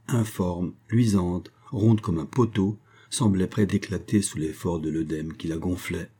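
An audiobook narrator reads a classic novel in a measured, even storytelling style. His voice is low and dark, with a husky grain throughout.

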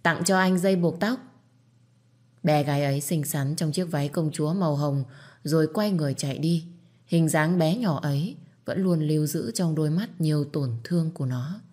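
A woman reading a somber story aloud in a measured, steady way. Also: low-pitched. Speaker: audiobook narrator. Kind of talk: scripted story narration.

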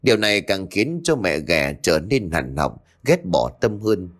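A man narrating a ghost story in a dramatic, expressive reading. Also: deep voice, measured pace. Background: faint background music.

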